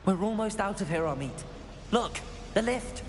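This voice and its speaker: A man voicing a young male wizard student hero in video game dialogue, steady and encouraging. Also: high voice, moderate pace, background noise. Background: game music.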